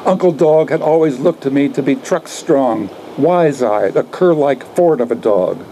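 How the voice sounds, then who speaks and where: An elderly man in his seventies, a poet, reads his own work aloud in an outdoor garden into a microphone on a stand, adding asides as he goes. His dark, relaxed voice sits at a middle pitch, and he delivers short phrases deliberately and declamatorily. Light ambient noise surrounds him, and the recording quality is low.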